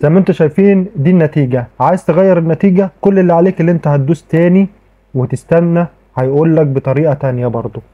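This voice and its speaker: A man's voice: fairly high pitch, very fast. A man with an Egyptian accent explaining a tech tutorial in a chatty way, often restarting his sentences. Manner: chatty, repeats "okay" often, frequent restarts. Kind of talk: casual screen-recorded tutorial. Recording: tinny phone-like audio.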